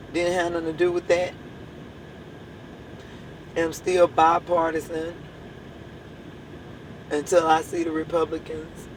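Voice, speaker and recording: Leading her congregation in an impassioned address, a hoarse, low-voiced woman with a drawl speaks emphatically, repeating the same rhetorical questions to drive each point home. A faint hum runs beneath her voice.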